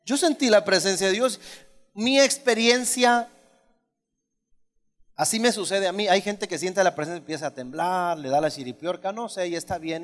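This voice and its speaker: In a reverberant church hall, a male pastor delivers an emphatic, conversational sermon, frequently putting questions to the congregation. His delivery moves between loud, high exclamations and quiet, low asides.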